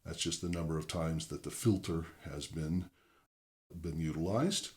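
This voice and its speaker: Addressing the viewer directly, this very low-voiced presenter of a record-cleaning tutorial explains every option in turn, conversational yet methodical. His delivery is normal in speed and a little mellow.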